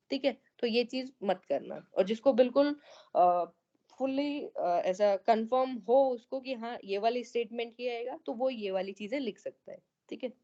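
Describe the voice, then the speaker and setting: A woman teaching over an online call, her voice sitting a little high. She explains patiently and keeps checking in with her students. The audio is muffled and lo-fi. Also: darkish tone. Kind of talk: online class feedback on student essays. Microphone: online meeting audio.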